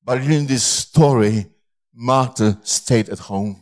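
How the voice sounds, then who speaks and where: Slow-speaking male pastor preaching. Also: mid-range voice. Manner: slow, halting delivery in short phrases. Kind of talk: sermon with consecutive interpreting.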